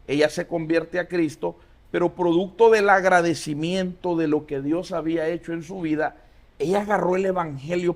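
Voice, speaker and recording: A man in his forties, a pastor, telling his life story as an interview guest with many pauses and fillers. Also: fairly high pitch. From Honduras. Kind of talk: casual interview.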